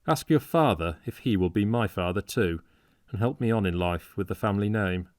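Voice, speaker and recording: A man's voice: on the low side, normal speed, no room sound, studio quality, natural voice. A man doing a bitter, sarcastic young medical student. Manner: mocking, sarcastic.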